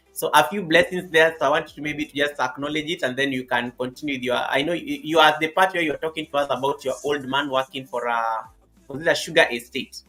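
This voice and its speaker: A man's voice: on the high side, pushed and bright. A man hosting a casual livestream, greeting and thanking viewers by name and often repeating his phrases. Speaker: livestream host.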